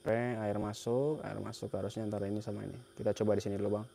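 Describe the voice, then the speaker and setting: A man's voice: on the low side, level tone, racing, gravelly, dark tone, a little hiss or hum. A young man from Central Java giving a casual hands-on repair tutorial in a workshop, talking as he works and repeating his phrases. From Central Java, Indonesia. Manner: casual, talks while working, repeats phrases. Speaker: repair technician.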